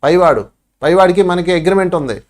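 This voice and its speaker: A man's voice: sits high, animated, quick pace. A man with a Telugu accent giving a spiritual talk, acting out pleading voices to make his points. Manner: preachy, acts out pleading voices. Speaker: spiritual teacher.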